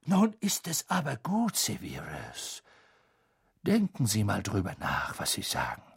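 A man reading an audiobook, voicing a calm, amused old male headmaster who speaks in measured tones. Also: on the high side, gravelly, husky, no room sound, studio quality, voice pushed up, heavily acted.

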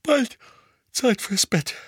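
Male reader doing a sharp-tongued motherly witch, high and scolding, bright edge, audiobook. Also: very animated, takes it slowly, no echo, clean studio sound, heavily acted. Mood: sleepy.

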